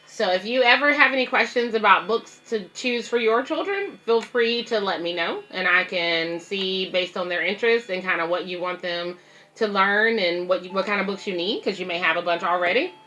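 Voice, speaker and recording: A woman working as a babysitter reads a picture book aloud, explaining it simply to children and parents and tossing in casual asides. Her mid-range voice sounds pushed and bright, and the recording is lo-fi.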